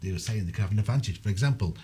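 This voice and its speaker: A man's voice: fairly low pitch, very fast, dark tone. A man with a Mancunian accent co-hosting a political podcast, talking in an earnest, rambling way. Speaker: podcast co-host. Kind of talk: political opinion chat.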